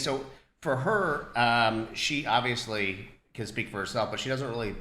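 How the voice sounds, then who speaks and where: A man's voice: mid-range voice, sharp tone. A man hosting a casual game review chat, rambling with many fillers and restarts. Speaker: channel host. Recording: echoey room with music underneath.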